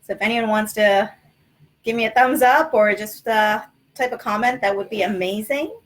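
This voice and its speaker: A woman's voice: mid-range voice, moderate pace. A woman from Sri Lanka, a mother in her thirties, patiently quizzing her young children in a casual home livestream lesson. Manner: patient, asks kids questions. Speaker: parent hosting a livestream lesson. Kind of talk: casual teaching chat with children. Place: small city apartment.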